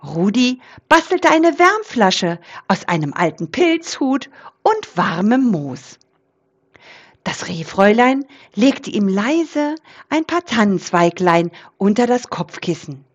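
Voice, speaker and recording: A woman reads a children's Christmas tale aloud, taking her time over each sentence. Her fairly high voice rises and falls with lots of expression, in a warm storybook reading manner. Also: very animated, takes it slowly, muffled recording.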